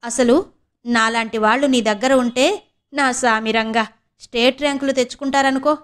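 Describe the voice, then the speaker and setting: A woman voicing a quick-tongued young student niece who chats, teases and grumbles to herself. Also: a little high, fairly even intonation, a bit bright, clean tone, natural voice. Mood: cheeky. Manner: chatty, teasing, grumbling asides.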